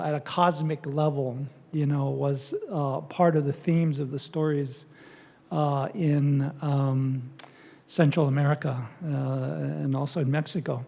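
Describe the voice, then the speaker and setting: An older man who lectures on Native studies gives a public talk with audience Q&A. His voice is a little high, gravelly, and fried at the edges, mellow and dark in tone, and he halts often to search for words, with many fillers and restarts.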